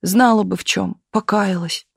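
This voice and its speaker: A reader voicing a frightened, weary young actress who speaks quietly and pleadingly, often close to a whisper. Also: medium pitch, fairly even intonation, unhurried, creaky, slightly rough, no room sound, heavily acted.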